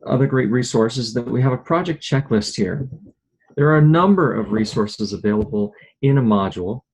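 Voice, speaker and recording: A man calmly walking a club through an online module over a video call, explaining step by step. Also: mid-range voice, husky, poor audio. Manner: calm, methodical explaining. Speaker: club presenter. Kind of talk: screen-share walkthrough on a video call.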